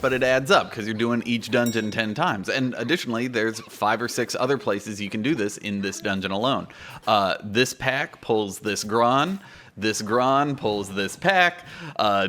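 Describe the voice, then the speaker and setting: Bright-voiced young man hosting gaming guide. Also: mid-range voice. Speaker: YouTube gaming guide host. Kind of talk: informal explanatory video commentary. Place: small indoor home studio. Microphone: close microphone on boom arm.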